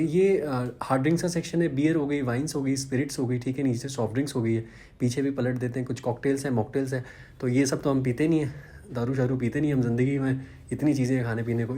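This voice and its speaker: A man's voice: medium pitch, mellow. A man, chatting casually in a vlog and poking fun at himself. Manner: chatty, self-deprecating, conversational. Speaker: vlogger.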